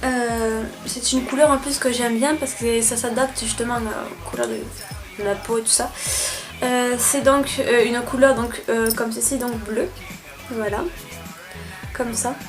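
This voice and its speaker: A woman's voice: on the high side, steady tone, unhurried. A young woman filming a casual spring beauty tag, talking hesitantly with many filler sounds. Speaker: beauty vlogger. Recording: music playing behind.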